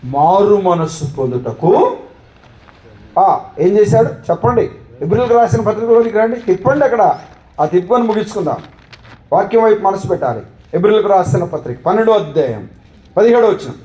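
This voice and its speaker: A man's voice: high voice, lively intonation, a little fast, long pauses, warm tone, muffled recording. A man pastor preaching a sermon into a microphone, with rhetorical questions and repeated lists. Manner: rhetorical questioning, repetitive listing. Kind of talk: Telugu sermon with congregation call-and-response.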